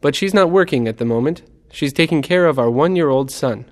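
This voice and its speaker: A man reading scripted dialogue lines for a language lesson in a plain, measured delivery. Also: on the high side, animated, a little mellow, faint music behind. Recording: reverberant room.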